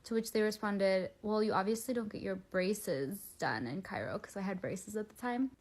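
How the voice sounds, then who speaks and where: A woman's voice: medium pitch, lively intonation, moderate pace, a little mellow, a little hiss or hum. A woman telling a story to camera in an upbeat, amused way.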